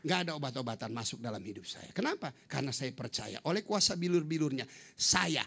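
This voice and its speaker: Animated gravelly preacher man. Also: mid-range voice, fairly quick. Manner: animated, shouting hallelujahs, comic storytelling. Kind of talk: humorous sermon testimony.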